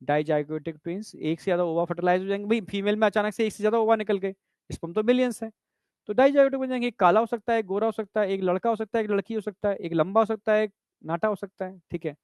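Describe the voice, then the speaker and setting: Fast-talking, with a high yet darkish, clean tone, this man lectures a biology class step by step and keeps checking understanding. He addresses students as "bhai" and "beta," recorded at studio quality with no echo.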